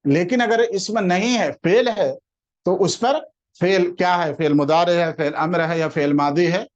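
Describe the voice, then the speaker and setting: A man teaching a classroom grammar lesson, explaining patiently, quizzing his listeners with questions and slowing down to spell out example words. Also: sits high, lo-fi sound.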